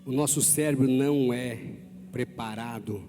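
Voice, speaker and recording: A man with a Brazilian Portuguese accent preaching a sermon as pastor, animated and calling on the congregation to respond. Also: mid-range voice, a little slow. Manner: animated, calls on the congregation to repeat after him. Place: large church hall. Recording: long church-hall reverb, faint music.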